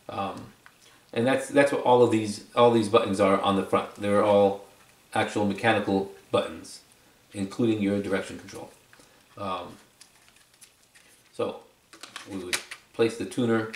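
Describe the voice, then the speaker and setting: A product reviewer's lowish voice stays fairly even and a little slow, broken by long pauses. His unscripted demo is conversational and explanatory, with repeated phrases for emphasis. Recorded on a distant mic, it sounds roomy and echoey.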